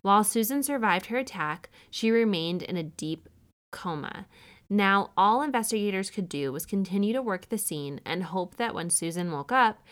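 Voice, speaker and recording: A woman in her thirties talks through a recap in a loose, chatty way. She keeps throwing in sarcastic asides. Her voice sits a little low. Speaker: podcast host recapping a true-crime show. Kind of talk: casual commentary.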